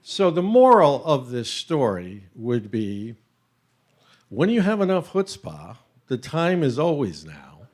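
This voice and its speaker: A middle-aged man, an emcee, telling a comic personal story live with wry, animated timing. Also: mid-range voice, takes it slowly.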